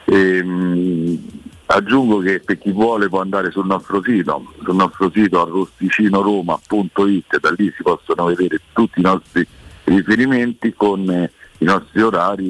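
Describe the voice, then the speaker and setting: A man with a hoarse voice that is giving out, talking haltingly and informally as a restaurant owner promoting his place on the radio. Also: low voice, steady tone, rough recording. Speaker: restaurant owner, guest caller on a radio show.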